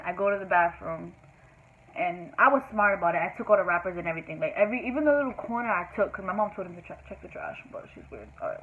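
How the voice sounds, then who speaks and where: Rambling young woman on a tinny line. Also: mid-range voice. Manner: rambling, many fillers like "like" and "whatever". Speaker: vlogger. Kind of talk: casual storytelling. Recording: tinny phone-like sound, faint hiss.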